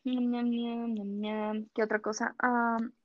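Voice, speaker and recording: A woman's voice: fairly high pitch, slow, no room sound, highs cut off. A young woman with a Mexican Spanish accent, telling stories as an interview guest, acting out dialogue and laughing often. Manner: animated storytelling, acts out dialogue, laughs often. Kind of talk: casual interview chat.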